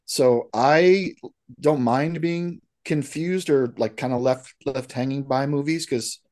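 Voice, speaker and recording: A man's voice: mid-range voice, takes it slowly, darkish tone. A man co-hosting a casual movie podcast, talking with enthusiasm and frequent restarts. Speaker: podcast co-host. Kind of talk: casual movie recap chat.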